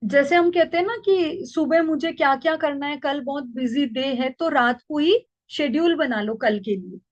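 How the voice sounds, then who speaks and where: Woman, high-pitched, parenting coach, calm patient teaching, muffled lo-fi sound. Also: moderate pace. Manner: calm, patient, explains with worked examples. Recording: dull lo-fi recording.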